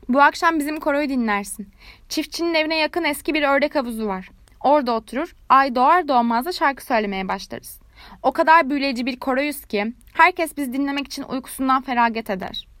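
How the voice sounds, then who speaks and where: A woman's voice: high-pitched, lively intonation, brisk, a bit bright, no echo, studio quality. A woman voicing a chatty, self-satisfied frog in a storybook, who talks on and on sweetly. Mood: gushing. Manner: gushing, nonstop talker, sweetly self-satisfied. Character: chatty, smug frog who loves her own voice.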